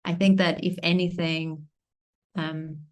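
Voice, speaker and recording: A woman from Argentina speaks as a podcast guest, her voice sitting on the lower side. She talks reflectively and unhurriedly, pausing often while she searches for the right words. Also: level tone. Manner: thoughtful, searching for words with many pauses. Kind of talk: reflective conversation.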